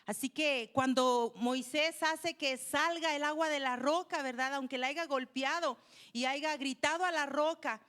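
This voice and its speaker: A woman's voice: sits high, unhurried, fairly bright tone. A woman preaching a sermon to a congregation in a conversational way, often turning to them with questions. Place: church.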